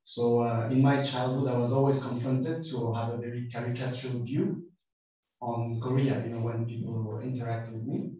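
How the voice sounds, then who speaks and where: Echoey, mellow man with a French accent. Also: medium pitch, flat delivery, moderate pace. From France. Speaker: audience member asking a question. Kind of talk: thoughtful spoken audience question. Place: lecture room, picked up from afar. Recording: distant, very echoey hall, muffled.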